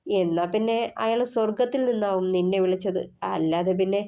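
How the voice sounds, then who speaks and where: A woman's voice: mid-range voice, a little fast, dull audio, lightly acted. A woman reading the part of a wry young male friend with a teasing, sardonic manner.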